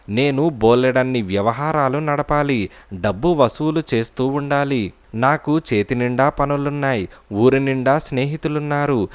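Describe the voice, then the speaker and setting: A man reading the lines of a quick-tempered middle-aged father in a storybook tale, scolding and indignant. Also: mid-range voice, smooth, natural voice.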